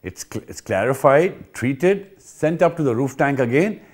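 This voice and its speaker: With a medium-pitched, expressive voice that's unhurried and a touch mellow, a man with an Indian accent gives an informal training talk for a pool company. His style is emphatic and repetitive, punctuated by rhetorical check-in questions.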